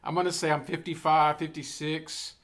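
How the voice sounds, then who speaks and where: A man's voice: on the high side, little pitch movement, moderate pace, background noise. A man in his fifties with a Texan accent, joking in a laid-back casual chat as podcast co-host. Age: 50s.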